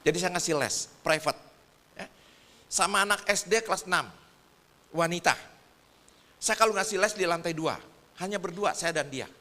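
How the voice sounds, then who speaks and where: A man from Indonesia preaching in a lively storytelling way, joking about himself and talking straight to the audience. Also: high-pitched, normal speed, pauses often, in a large hall. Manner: chatty, addresses the audience directly, jokes about himself. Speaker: preacher and teacher.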